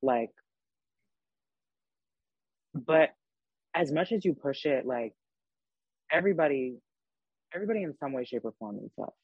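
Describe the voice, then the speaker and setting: Husky, emphatic young man hosting a podcast. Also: mid-range voice, animated, a little slow, pauses often, no room sound, dull audio. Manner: emphatic, swears freely. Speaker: podcast host. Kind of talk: casual podcast chat.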